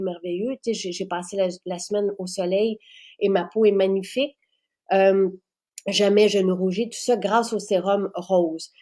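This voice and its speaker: Woman host, eager, leans on repeated words, medium pitch. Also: warm tone. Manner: enthusiastic, repeats words for emphasis. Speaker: host presenting skincare products. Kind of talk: casual chat.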